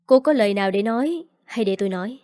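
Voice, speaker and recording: Phụ nữ đọc vai người mẹ kế cứng rắn. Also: female voice, medium pitch, expressive, fast, dry recording, clean studio sound, lightly acted. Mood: firm. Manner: gentle with the child, firm with adults. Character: protective young stepmother, firm and caring.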